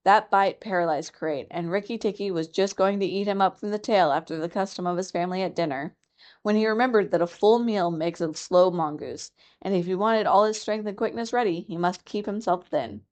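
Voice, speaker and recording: A woman reading a classic children's book aloud in a calm, even, clear storytelling manner for a library program. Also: medium pitch, brisk.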